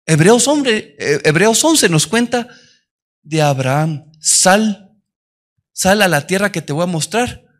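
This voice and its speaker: A man preaches a sermon in a church. He tells stories in a quiet, close voice, then rises to loud, emphatic preaching. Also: high voice, lively intonation, slow pace.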